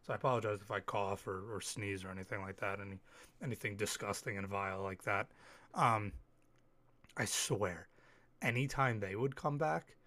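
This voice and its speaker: A man hosting a casual solo podcast, telling stories in an animated way, swearing freely, a little sick with an occasional cough. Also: fairly low pitch. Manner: animated storytelling, swears freely, quick asides. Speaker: podcast host.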